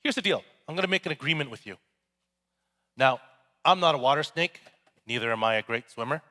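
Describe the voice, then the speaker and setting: A man's voice: mid-range voice, expressive, brisk, bright, forceful tone. A man playing a sly snake. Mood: scheming. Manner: storytelling. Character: sly cunning male snake. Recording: echoey hall.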